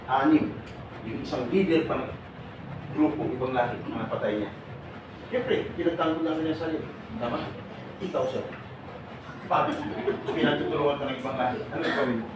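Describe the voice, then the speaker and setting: A man's voice: medium pitch, moderate pace, long pauses. A middle-aged man speaking at a seminar, asking the audience questions, joking and laughing often. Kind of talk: lively lecture to a live audience. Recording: echoey room from far off, noisy.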